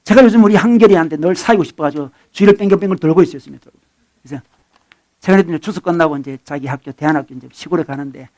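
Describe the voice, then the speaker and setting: A middle-aged man preaching a sermon as a pastor, conversational and animated, swinging between loud bursts and soft asides. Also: on the high side, very fast. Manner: acts out dialogue with his son.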